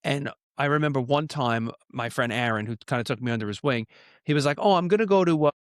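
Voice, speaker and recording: A man in his late thirties from New York, a pastor guest, telling stories in an earnest, lively conversational way. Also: medium pitch, fast talker, no room sound, studio quality. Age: 30s. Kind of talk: casual conversation.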